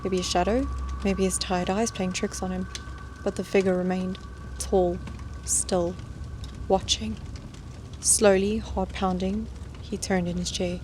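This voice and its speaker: A woman reads scripted horror stories in a measured, suspenseful storytelling manner. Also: medium pitch, fairly even intonation, a little mellow, a little hiss or hum. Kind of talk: scripted scary-story narration. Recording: music bed behind the voice.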